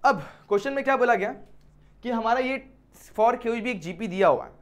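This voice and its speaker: A man's voice: very high-pitched, animated, fairly quick. A male maths teacher explaining problems step by step in a classroom lecture, often putting questions to his students.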